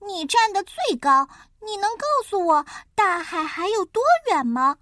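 A woman voicing Keke, a curious and eager little turtle child, in a storybook, with high, lively questions. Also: unhurried, no echo, studio quality, full character voice.

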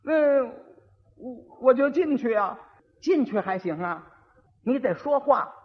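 A dim-witted young bridegroom who stutters and repeats his words in a soft mumble, as a male storyteller puts him on. He sounds rather high for a man. The old recording is dull and has a long reverb. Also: expressive, takes it slowly, heavily acted. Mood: stammering dim. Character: stammering slow-witted young rich husband.

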